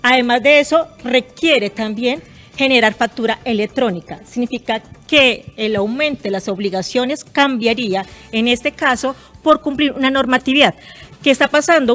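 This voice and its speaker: A woman's voice: on the high side, normal speed, a bit bright, soft background music. A woman, a guest expert explaining property tax rules in a precise, example-driven way on a radio talk show.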